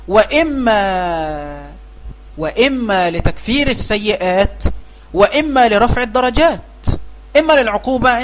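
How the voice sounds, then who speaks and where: A man's voice: sits high, fairly bright tone. A man with an Egyptian accent giving an informal religious talk as a preacher, repeating phrases for emphasis and asking rhetorical questions. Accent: Egyptian Arabic. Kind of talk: colloquial religious talk to blind listeners.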